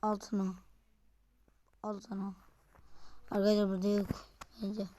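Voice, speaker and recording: A woman with a hoarse voice from being ill, hosting a casual gameplay video and chatting to her viewers as she plays. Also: mid-range voice, completely flat delivery, measured pace, warm tone. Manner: chatty, keeps addressing the viewers, mutters and whispers while playing. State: hoarse from illness. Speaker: gaming video host.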